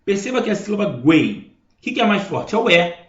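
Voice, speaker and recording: In an echoey room with dull lo-fi sound, a man explains a grammar lesson step by step and checks in with his listeners. His high voice is very animated and fairly quick.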